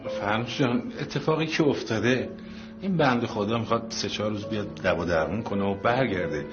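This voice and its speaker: A man's voice: lowish voice, dull audio, over music, lightly acted. An actor playing a harried middle-aged father who is effusively polite and pleading with his family. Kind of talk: comedy film acting.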